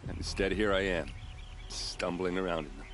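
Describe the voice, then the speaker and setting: An actor playing a bitter, tipsy guard captain in grief in a video game, gruff and halting. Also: male voice, low voice, fairly bright tone, a little hiss or hum. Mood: bitter, grieving.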